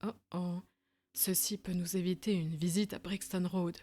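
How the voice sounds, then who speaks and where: A woman reading an audiobook, voicing a shrewd male detective in a smooth, measured manner. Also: lowish voice, steady tone, mellow, close to an everyday voice. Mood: calm.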